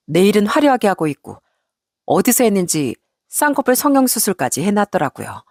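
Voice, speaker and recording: A woman in her thirties tells a family story in a confiding, indignant voice. Her pitch moves widely and expressively. The sound is dry and close to the mic. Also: a little mellow, no echo. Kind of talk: scripted story narration.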